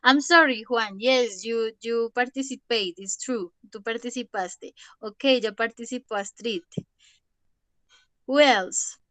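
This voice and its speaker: Young teacher, higher voice, dry close mic, patient, keeps checking in. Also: female voice, slow pace, fairly bright tone, dry recording. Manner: patient, repeats "¿listo?" to check understanding. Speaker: English teacher. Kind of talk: online class lesson.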